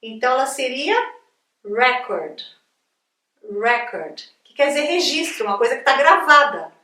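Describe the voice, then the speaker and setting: A Brazilian woman who teaches English gives a casual video lesson in a high-pitched, lively voice, speaking quickly with a pushed, bright tone and a Brazilian Portuguese accent. She's chatty and upbeat, checking in with viewers again and again. The recording is echoey, with her voice distant and off the mic.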